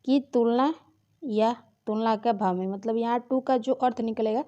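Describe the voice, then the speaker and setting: A woman's voice: on the high side, fairly even intonation, moderate pace, warm tone, highs cut off. A woman teaching an exam-prep grammar lesson, explaining patiently and often checking in with her students. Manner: explanatory, repeats key points and checks with "ठीक है".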